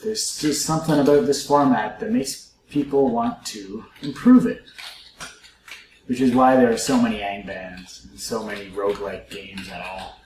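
A man's voice: lowish voice, fairly even intonation, normal speed, a little mellow, reverberant, a little hiss or hum, low-quality recording. A man hosting a let's play, musing aloud to his viewers in casual gameplay commentary.

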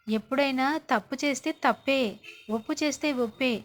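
A sly, needling middle-aged schemer from a TV serial, as a woman narrator puts her on. She speaks in a sweet voice that hides a jab, pitched a little high. It stays close to an everyday speaking voice. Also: normal speed, close to an everyday voice.

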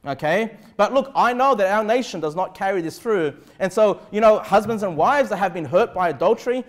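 With lively intonation and a slightly quick pace, a middle-aged Australian man preaches as a pastor in a high voice. He's emphatic and conversational, often tagging his points to check people are with him. The recording comes from an indoor church pulpit in a small room via a clip-on lapel mic.

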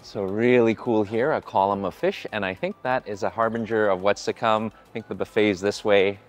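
A man's voice: lowish voice, moderate pace, faint music behind. A man in his forties giving an upbeat, chatty food vlog while walking through a hotel buffet restaurant. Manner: upbeat, chatty, often greets staff warmly. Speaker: food vlogger. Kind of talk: casual vlog narration.

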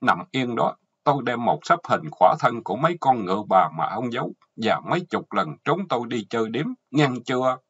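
A man's voice: medium pitch, very animated, a little fast, hardly any pauses, a bit bright, husky, voice pushed up. A man with a Southern Vietnamese accent voicing a furious, vengeful middle-aged wife who scolds and threatens. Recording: dull lo-fi audio.

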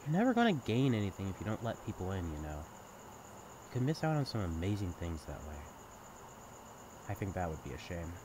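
A young man's low-pitched voice swoops wildly, moving a little fast but with long pauses. Playing a sibling's best friend in an intimate audio roleplay, he speaks candidly, casually, and with caring teasing, sounding sincere and thoughtful. Behind him is a noisy outdoor night ambience of chirping crickets and insects.

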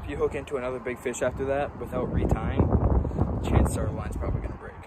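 A young man giving casual commentary while fishing outdoors on a riverbank, excited and talking to the fish as he reels it in, recorded on a phone camera a few steps away. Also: mid-range voice, quick pace, heavy background noise. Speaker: fishing vlogger. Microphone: phone camera on the bank, a few steps away.

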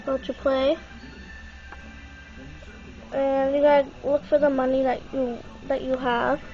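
High-voiced young woman, stuffy nose. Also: little pitch movement, slow, faint music behind. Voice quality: stuffy, congested-sounding nasal voice. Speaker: tutorial presenter. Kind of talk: casual unscripted how-to walkthrough. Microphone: handheld phone. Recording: muffled, noisy phone camera recording.

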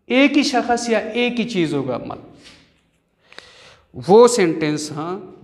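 A man, teaching a grammar lecture and explaining slowly and deliberately. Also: high-pitched. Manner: slow, deliberate explaining, drawing out English words. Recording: echoey room with long reverb.

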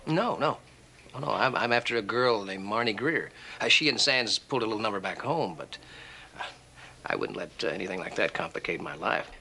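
An actor playing a wry, easygoing American stuntman in a TV action drama, talking haltingly and dryly joking. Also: lowish voice, expressive, heavily acted. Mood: uneasy, explaining. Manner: halting, wisecracking. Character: wry, easygoing stuntman who hunts bounties. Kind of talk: 1980s TV action drama dialogue. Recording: TV soundtrack with loud music.

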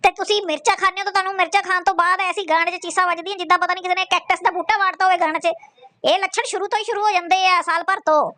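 A woman's voice: very high-pitched, steady tone, racing, bright, forceful tone. A woman roasting someone in crude, mocking, scolding commentary full of profanity.

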